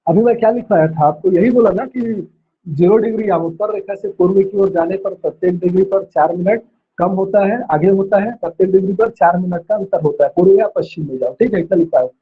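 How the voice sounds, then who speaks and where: A male teacher dictating class notes, repeating each phrase slowly so students can write it down. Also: high voice, breathy edge. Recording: tinny phone-like audio.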